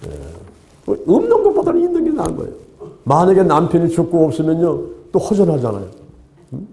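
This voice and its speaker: A man's voice: on the high side, huge pitch swings, a little fast, creaky, warm tone. A middle-aged man preaching a sermon as a pastor, telling a story and acting out prayers, having the congregation repeat lines after him.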